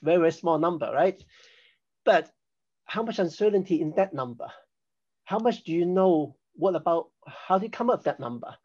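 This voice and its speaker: A man's voice: fairly high pitch, lively intonation, normal speed, darkish tone. Older guy from hong kong chatting away, explains things patiently, bit lo-fi sound. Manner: chatty and explanatory, self-deprecating with laughs. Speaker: podcast guest, risk assessment expert. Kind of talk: conversational interview.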